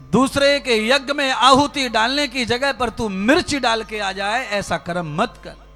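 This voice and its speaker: Over soft background music, a man preaches a Hindi religious discourse as a spiritual preacher, speaking to his listeners directly with fervor and rhetoric. The voice is very high-pitched and sharp in tone, and the delivery is unhurried.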